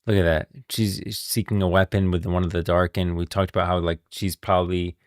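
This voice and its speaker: Speaking a little fast, this man keeps his low voice fairly flat, with little pitch movement. The studio-quality recording has no echo. As a streamer hosting game lore chat, he wanders, thinks out loud and repeats himself a lot.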